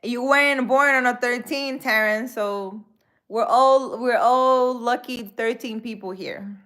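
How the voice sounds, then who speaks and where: This spiritual healer from the Dominican Republic talks casually with her live-stream audience, laughing frequently and slipping Spanish words in. Her voice runs on the high side with a sharp tone, and her pace is a little slow.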